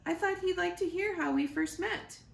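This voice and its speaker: A woman's voice: extremely high pitch, normal speed, vocal fry, roomy sound, pitched above the performer's own voice, full character voice. A woman voicing a friendly big female otter who chatters in a breezy, informal way in a storybook reading. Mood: concerned.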